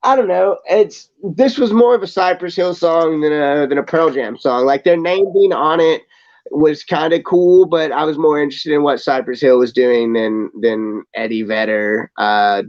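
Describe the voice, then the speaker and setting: A man's voice: a little high, normal speed. A man with a slightly raised voice rambles through a casual podcast chat, restarting sentences as he tells stories. The audio has a slightly dull, lo-fi sound. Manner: rambling, restarts and storytelling asides. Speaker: podcast co-host.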